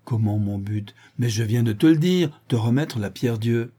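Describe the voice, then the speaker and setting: Man reading as glib jeering old druid, dark husky voice, audiobook. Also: mid-range voice, moderate pace, lightly acted. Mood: mocking. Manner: jeering, chatty, theatrical. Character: mocking old male druid impostor, glib, unflappable.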